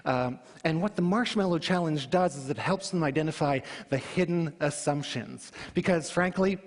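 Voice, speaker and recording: High-pitched man presenting in a reverberant hall. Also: normal speed. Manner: animated storytelling, emphatic question-and-answer delivery. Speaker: conference speaker. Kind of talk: public talk to an audience, rhetorical questions.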